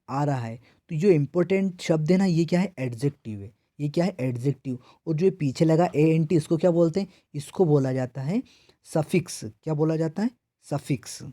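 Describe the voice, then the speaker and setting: A teacher from India walks students through grammar for an entrance exam. He fires off questions and answers them himself, again and again. His voice sits a little high but sounds mellow, and it is recorded close and dry. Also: moderate pace, dry recording. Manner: repetitive call-and-response questioning. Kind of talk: exam prep lesson.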